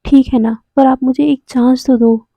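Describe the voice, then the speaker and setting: A woman voicing a quiet, stubborn young man who speaks calmly and firmly. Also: high voice, normal speed, no echo, muffled recording. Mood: determined.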